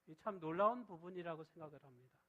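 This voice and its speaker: A middle-aged man preaching a sermon as pastor, often asking the congregation a question and answering it himself, moving between loud stressed phrases and soft, low reading of scripture. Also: fast, narrow, tinny audio.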